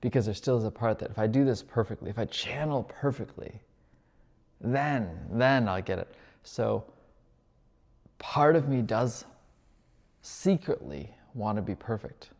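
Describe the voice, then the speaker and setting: A man's voice: fairly low pitch, unhurried, pauses often, darkish tone, big-room sound. A man rambling reflectively about his inner life, thinking aloud and correcting himself as he goes, like a spiritual coach talking to himself. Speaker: spiritual coach and retreat host.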